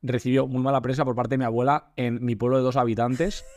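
A man's voice: medium pitch, steady tone, fast talker, darkish tone. A man from Spain co-hosting a casual comedy podcast, telling stories with lots of hesitant fillers and self-interruptions. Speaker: podcast co-host.

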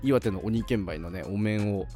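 A young man with a fairly low voice chats casually as a co-host, joking around and stopping often to search for words. Faint music plays behind him. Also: normal speed, warm tone. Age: young adult. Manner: playful, hesitant with many fillers. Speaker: podcast co-host. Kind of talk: casual chat.

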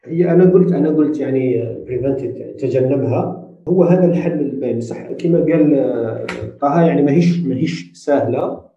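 Man, Algerian accent, explanatory, dark mellow voice, distant echoey lo-fi recording. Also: mid-range voice, brisk. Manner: explanatory, mixes in English terms. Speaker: discussion participant. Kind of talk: casual panel discussion. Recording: distant, roomy, dull lo-fi.

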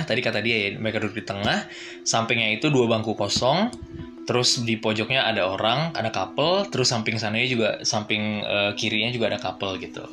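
Man, low voice, casual podcast storytelling, chatty with fillers, faint guitar music. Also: fairly bright tone. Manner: slangy Jakarta-style chat with many fillers. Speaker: podcast host and teacher.

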